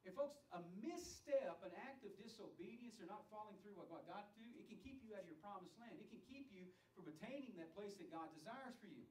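A man's voice: high voice, animated, fairly quick, hardly any pauses, darkish tone, recorded from a distance, slight background noise. A man teaching a sermon-style lecture to leaders, emphatic and asking the room direct questions. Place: training center classroom. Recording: echoey room, voice from off the mic.

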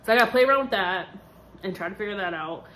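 She is a worn-out woman in her twenties who keeps chatting loosely to her vlog viewers, full of "like," "um," and tangents. Her medium-pitched voice is animated, fast, and a bit bright.

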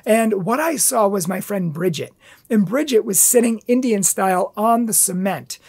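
A man's voice: high voice, moderate pace, darkish tone, breathy edge. A man giving an earnest, impassioned inspirational talk, telling a personal story as a pro-life speaker.

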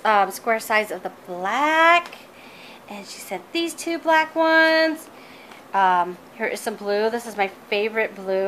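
A woman with a high, bright voice chats her way through a casual unboxing vlog of craft supplies. She gushes and exclaims, filling her talk with "um" and "you guys." Faint room ambience sits behind her. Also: slight background noise. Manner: bubbly, gushing, many fillers and "you guys". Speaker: crafting vlogger.

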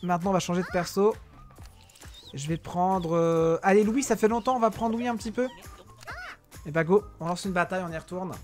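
Excitable high-voiced gaming commentator, man. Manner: excitable, shouts during fights, talks to viewers and enemies. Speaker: gaming YouTuber. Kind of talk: live gameplay commentary.

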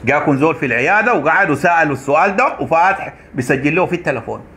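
A man with a Sudanese Arabic accent rants at a rapid clip, his voice bright and cutting with a somewhat raised pitch. He is fiery and accusatory, driving each point home by repeating it. It is the delivery of a commentator addressing his audience directly. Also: lively intonation. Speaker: online commentator. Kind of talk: political rant to camera.

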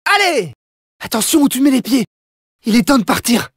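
In a French video game dub, a young, plucky gentleman thief speaks with showy cockiness, loyal at heart, built around punchy catchphrases. The mood is upbeat and cocky, and the delivery is heavily acted at normal speed with lively pitch swings and a slightly rough voice. The sound is close and dry with no echo.

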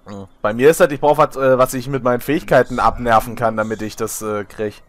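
A young man chatting casually while gaming, loud and excitable, often shouting and swearing. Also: mid-range voice, fairly quick. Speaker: gamer, channel host.

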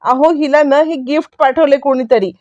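A woman's voice: sits high, normal speed, darkish tone, no echo, highs cut off, close to an everyday voice. A woman voicing an anxious, scolding young mother in a serial recap. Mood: worried. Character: worried protective young mother.

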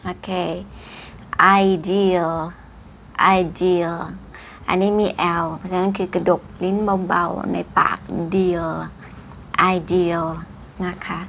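A woman's voice: on the low side, level tone, gravelly, slight background noise. Chatty woman teaching English words. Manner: exaggerated slow pronunciation of English words; chatty, polite particles. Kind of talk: casual vocabulary lesson.

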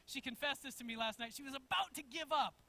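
Bright, high-voiced male pastor. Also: fast talker. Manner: animated storytelling with chuckles. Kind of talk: sermon. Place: church sanctuary.

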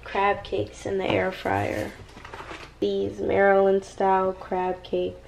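At home in her apartment, a woman in her twenties vlogs to a handheld camera at arm's length, upbeat, slangy, and laughing often. Yet her mid-range voice comes out monotone, slow, creaky, and a little mellow, and the audio is poor with slight background noise.

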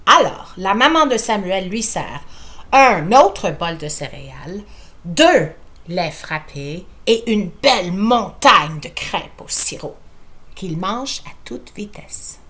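A teacher with a Quebec French accent reading a picture book aloud in a playful, expressive way, talking to young listeners. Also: female voice, medium pitch, slow.

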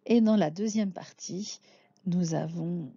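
A woman's voice: fairly low pitch, slow pace, creaky, dark tone, slightly rough, no echo, dull audio. A woman teaching a language lesson, patiently naming and sounding out letters one by one. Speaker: Hebrew teacher. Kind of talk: slow spoken lesson.

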